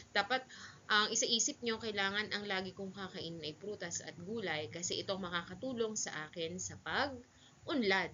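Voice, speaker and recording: Bright, lively teacher woman. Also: mid-range voice, slight background noise. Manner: patient, coaxing, asks many questions. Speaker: grade-1 teacher. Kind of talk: televised children's lesson. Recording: dull lo-fi sound.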